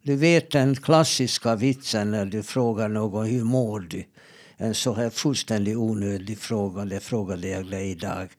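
A middle-aged male therapist offers advice in a casual conversation, speaking calmly and measuredly with frequent hesitations. His voice is lowish.

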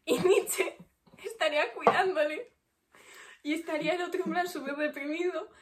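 Young spanish woman on a podcast, high voice, laughs a lot, playful riffing. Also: moderate pace. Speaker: podcast co-host. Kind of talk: casual chat.

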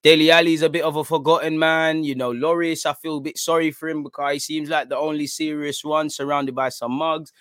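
A man's voice: on the high side, level tone, brisk, hardly any pauses, fairly bright tone, dry recording. London roadman man talking football, dry close sound. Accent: London, urban street slang. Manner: slangy roadman-style talk, addressing listeners as bro and man. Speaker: football fan content creator. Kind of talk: casual football chat to an audience.

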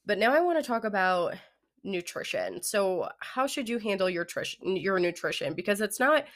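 Here a young woman's mid-range voice carries lively intonation at a moderate pace, though it sounds nasal and stuffed up from a head cold. On her podcast she gives fitness-coach advice in a casual, chatty way, filled with "like" and "you know."

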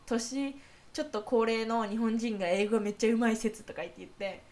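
A woman co-hosting a podcast in casual chat, chatty and quick to laugh. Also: fairly high pitch, darkish tone. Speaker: podcast co-host.

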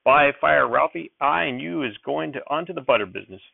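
A man voicing an excitable old rural grandfather who speaks in folksy dialect, with a raised, quick old-timer twang over a thin, dry phone-like sound. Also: fairly high pitch, creaky, dry recording, voice pushed up, heavily acted. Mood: excited.

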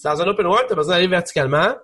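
Young quebec guy rambling about games, lots of restarts, bright husky voice. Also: sits high, rapid-fire. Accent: Quebec French. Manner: animated, rambling, many restarts. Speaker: podcast co-host. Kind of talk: casual gaming chat.

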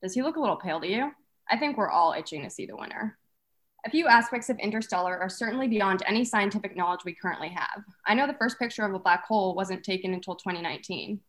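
Gushing female red carpet host, played by a young woman, quick and showy. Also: medium pitch, fairly bright tone, natural voice. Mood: upbeat. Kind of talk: scripted mock awards-show hosting.

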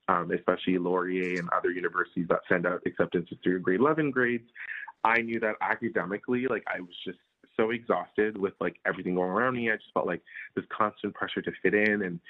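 A man in his early twenties from India, answering interview questions in a rambling casual way full of fillers. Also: low-pitched. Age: early 20s. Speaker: guest. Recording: phone-like remote call audio.

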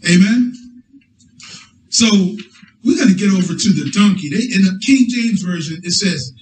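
A man's voice: sits high, animated, moderate pace, slight background noise. A man preaching a sermon to his congregation, often asking for an amen and restarting his phrases. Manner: call-and-response, restarts often. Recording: echoey hall, distant mic.

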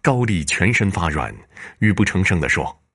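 Male storyteller, deep voice, husky, lively pitch, dramatic storybook narration. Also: normal speed.

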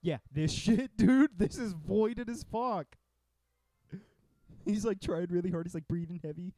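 A young man co-hosting a podcast, rambling and excitable in casual chat, swearing often. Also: high-pitched, a little slow, no room sound. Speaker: podcast co-host.

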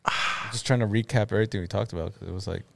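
A young man hosting a casual late-night podcast, talking in a relaxed, laid-back way with lots of fillers. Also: fairly low pitch, racing, vocal fry, slight background noise. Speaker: podcast host.

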